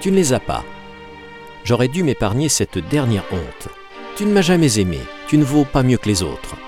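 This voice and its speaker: A man's voice: mid-range voice, huge pitch swings, moderate pace, a little mellow, faint music behind, pitched above the performer's own voice. A man reading an audiobook, voicing a desperate young woman who reproaches and pleads with passion. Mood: bitter, reproachful. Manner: impassioned, reproachful.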